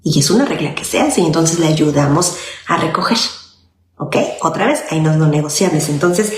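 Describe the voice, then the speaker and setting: Psicóloga mexicana que explica con calma, sala con eco. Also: female voice, low voice, moderate pace. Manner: explanatory, often checks in with "¿ok?". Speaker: child psychologist. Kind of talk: informal parenting talk. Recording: echoey room with faint noise.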